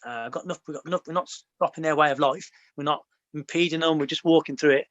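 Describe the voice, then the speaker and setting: Casting: young English ex-soldier man, rapid rambling storyteller, fairly high voice, very dry sound. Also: steady tone, a bit bright, no echo, dull audio. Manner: rambling, many fillers and restarts. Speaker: podcast host, ex-soldier. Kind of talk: casual storytelling chat.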